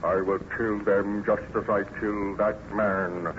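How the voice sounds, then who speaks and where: A man's voice: fairly low pitch, flat delivery, unhurried, close to an everyday voice. A man playing a lonely, bitter, menacing monster in an old-time radio horror drama, with solemn, declamatory delivery. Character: lonely, bitter, menacing male monster who learned to speak. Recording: muffled, noisy vintage radio recording.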